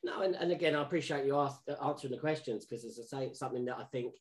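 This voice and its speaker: Rapid-fire and mid-range, a male podcast host poses lengthy, meandering questions in an interview, frequently starting over.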